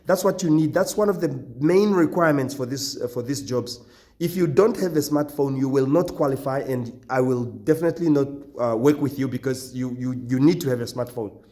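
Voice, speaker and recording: A company founder, hoarse after nearly losing his voice, records a halting, repetitive video message to job applicants filled with stern warnings. His voice is mid-range with a dark tone.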